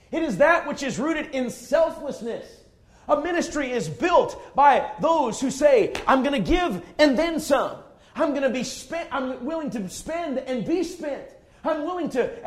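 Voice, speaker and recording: Man in his forties, very high voice, fervent preaching, emphatic, repetitive. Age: 40s. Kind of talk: sermon.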